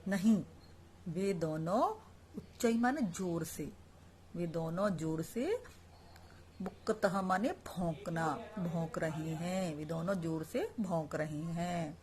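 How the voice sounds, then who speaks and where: A woman's voice: lowish voice, expressive, slow, a little mellow. A woman teaching a Sanskrit lesson online, explaining each word and then repeating it, asking the class questions and answering them herself.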